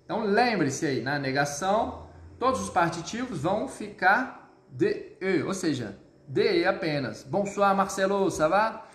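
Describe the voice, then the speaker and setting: A man with a fairly high voice teaches a live online French lesson. He sounds upbeat, explains step by step and checks in with his viewers, and he slows right down to model each phrase. The recording has a roomy echo. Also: animated, fairly bright tone.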